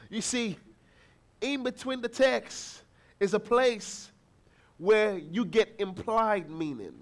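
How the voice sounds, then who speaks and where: A man preaching a sermon as pastor, telling a family story and acting out the people in it, with bursts of shouting. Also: sits high, drawn-out words, pauses often. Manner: animated, acts out voices, shouts encouragement.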